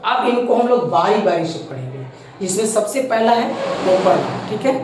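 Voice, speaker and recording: A man's voice: high voice, sing-song, moderate pace. A male teacher gives a classroom grammar lesson at a board, repeating terms, spelling them out letter by letter and quizzing his students. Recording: very echoey room, faint background noise.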